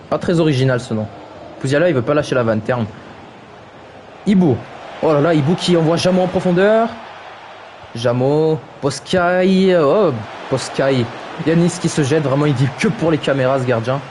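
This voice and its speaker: Here a man with a fairly high, darkish voice gives jokey live commentary on a video game football match through a streaming microphone, with a little hiss or hum audible. He mocks players' names, reads the chat aloud and exclaims "aïe aïe" along the way.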